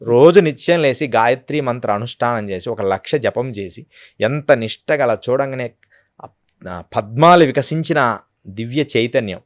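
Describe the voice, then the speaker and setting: A man's voice: medium pitch, expressive, normal speed, dry recording, clean studio sound. A man, a yogi guest speaking earnestly in an interview, often acting out quotes. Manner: earnest, storytelling with acted quotes. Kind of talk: devotional interview talk.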